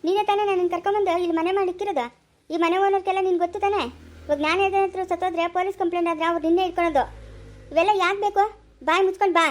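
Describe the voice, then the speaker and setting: A desperate young mother, voiced by a woman, speaks quickly in a very high, childlike register. She is emotional and insistent, fighting for her baby in a family cartoon. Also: steady tone. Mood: demanding. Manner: pleading, tearful, then threatening. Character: anxious young mother fiercely protecting baby. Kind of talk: cartoon voice acting.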